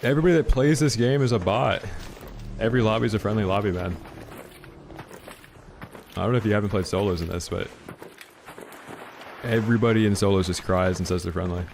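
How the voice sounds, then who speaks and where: Male game streamer, relaxed chatty delivery, gravelly fry, audible background noise. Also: on the low side, a little fast, pauses often. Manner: laid-back, chatty, says "man" a lot. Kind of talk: casual live gameplay commentary.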